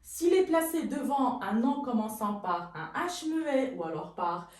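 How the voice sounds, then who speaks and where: Slow echoey woman teaching French. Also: on the high side, animated, darkish tone. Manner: patient, repeats each word slowly for learners; self-correcting, says pardon often. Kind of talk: grammar lesson. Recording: very echoey room, mic far off.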